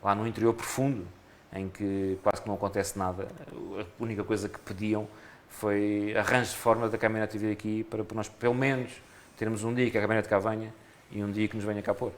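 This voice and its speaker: Fast-talking Portuguese man, low voice. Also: level tone, a little hiss or hum. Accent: European Portuguese. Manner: fast, earnest, restarts phrases often. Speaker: municipal election candidate. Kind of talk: local radio interview.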